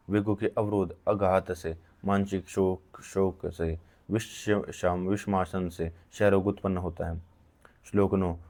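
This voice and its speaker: A man reading an old medical text aloud in a slow recitation, with frequent halts and restarts. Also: low voice, warm tone. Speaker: reader of an ancient medical text.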